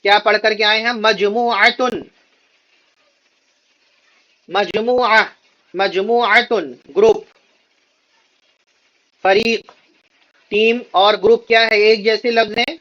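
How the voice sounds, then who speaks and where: High, bright-voiced male Arabic teacher. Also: fairly even intonation, lo-fi sound. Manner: repeats words slowly for students to echo, then explains quickly. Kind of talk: classroom lesson, slow word drills.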